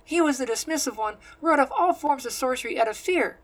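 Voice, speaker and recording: A man voicing Teresa, a husky scornful sorceress. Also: high voice, animated, brisk, fairly bright tone, pitched above the performer's own voice, heavily acted, poor audio. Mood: indignant. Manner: clipped, dismissive retorts. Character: sharp, scornful woman sorcery practitioner, group leader.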